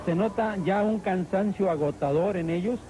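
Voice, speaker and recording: A man's voice: sits high, normal speed, mellow, a little hiss or hum. A man with a Mexican accent commenting on and analysing a live wrestling match as a commentator.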